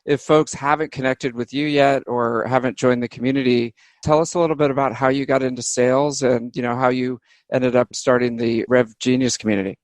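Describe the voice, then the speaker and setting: A man hosting a podcast, asking his guest questions in a relaxed, conversational way. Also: mid-range voice, a little fast, few pauses, dry recording. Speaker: podcast host. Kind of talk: interview questions.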